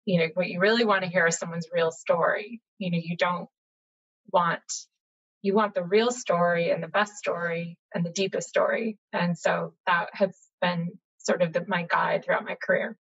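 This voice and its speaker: A woman's voice: lowish voice, moderate pace, gravelly, breathy edge. Chatty American woman on a video call. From United States, Boston area. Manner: chatty, animated storytelling with frequent fillers. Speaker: journalist guest. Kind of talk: casual interview conversation. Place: home room, indoors. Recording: slightly dull lo-fi video call audio.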